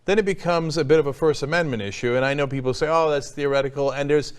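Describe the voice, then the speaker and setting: A man's voice: a little high, fast, smooth. A man hosting a casual talk show, giving blunt opinions, swearing freely, with lots of fillers and restarts. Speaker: host.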